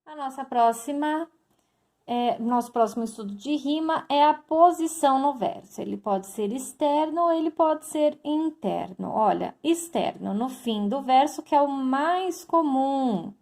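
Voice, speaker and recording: A woman's voice: high voice, lively intonation, measured pace, darkish tone. A woman teacher giving a recorded lesson, explaining step by step and addressing her students directly. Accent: Brazilian Portuguese.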